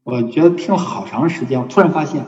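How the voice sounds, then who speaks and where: A man, a hospice volunteer speaking as a guest, tells a story slowly and repeats words as he searches for details. His voice sits at an ordinary middle pitch. It is recorded in a roomy hall with a long reverb tail and a muffled, dull sound. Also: expressive, darkish tone. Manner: unhurried, repeats words while recalling. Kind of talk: conversational storytelling.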